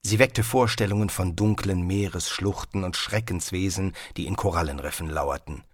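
A man reading a fantasy audiobook as narrator, with expressive storytelling. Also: low voice, normal speed, no echo, studio quality.

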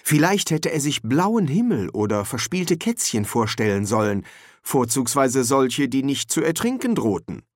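A man reading a comic fantasy novel aloud in measured, dry storytelling. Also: medium pitch, big pitch swings, no echo. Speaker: audiobook narrator. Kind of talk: scripted narration.

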